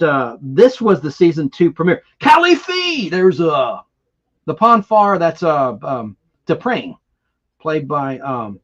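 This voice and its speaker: Geeky guy rambling on a retro tv trivia stream, fairly high voice, enthusiastic, kinda muffled audio. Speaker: host of a nostalgic TV trivia live stream. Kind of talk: rambling casual live-stream chat.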